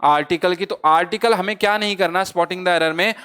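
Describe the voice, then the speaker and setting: A man's voice: sits high, normal speed, clear, resonant tone. A man teaching exam grammar. He keeps putting questions to his students, answers them himself, and calls his listeners brother. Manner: asks the class a question, then answers it himself; lively, teasing, lightly humorous. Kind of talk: exam-prep grammar lesson.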